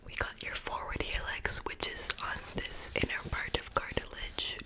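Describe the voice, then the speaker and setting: A woman doing an ASMR whispered role-play as a piercer, speaking in an unvoiced, breathy whisper with a soft, casual, reassuring manner. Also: moderate pace, rough recording. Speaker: ASMR creator playing a piercer.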